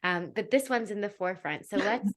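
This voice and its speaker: A young adult woman hosting a podcast and giving a spiritual guidance reading, chatty and full of fillers and small laughs, often going soft and hushed. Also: medium pitch, brisk. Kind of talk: casual podcast chat and intuitive reading.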